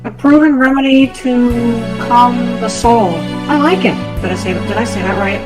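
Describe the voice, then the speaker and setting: A man's voice: extremely high pitch, moderate pace, pitched above the performer's own voice. Athena, a man through a voice changer as an eager young woman lawyer. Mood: bright, playful. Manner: excitable, animated line reading. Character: eager young female defense attorney. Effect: voice changer making him sound like a girl. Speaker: gamer dubbing game dialogue. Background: game music.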